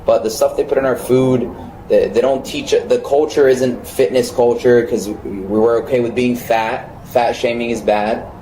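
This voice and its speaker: Male podcast host, mellow tone, emphatic delivery, roomy echo. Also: mid-range voice, moderate pace, slight background noise. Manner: animated, emphatic, swears. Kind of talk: casual podcast chat.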